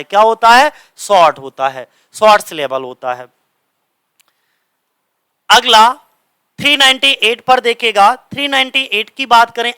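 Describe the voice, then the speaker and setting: A man teaching English literature for exams, asking his own questions and answering them, reading English lines slowly and explaining them in Hindi. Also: very high voice, sharp tone, clean tone, no echo. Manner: drills with repeated questions and answers. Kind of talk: exam-prep lecture.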